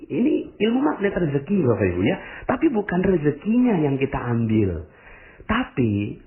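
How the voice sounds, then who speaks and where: A man preaching a motivational sermon in speech, rhetorical and animated, often calling his listeners "Bapak Ibu". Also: mid-range voice. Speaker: Islamic preacher. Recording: tinny lo-fi recording.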